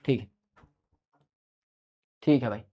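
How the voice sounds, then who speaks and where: A man's voice: takes it slowly, highs cut off. A male coaching teacher giving casual, brotherly study advice to students, often checking in with them as he talks. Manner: chatty, brotherly, checks in with "right?". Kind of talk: casual mentoring talk to students.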